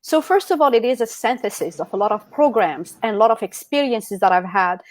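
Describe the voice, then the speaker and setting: Speaking fairly quickly with a fairly high pitch and lively intonation, a middle-aged woman from Algeria presents as a guest at an online e-commerce summit. Her talk is motivational, delivered indoors via an online video call.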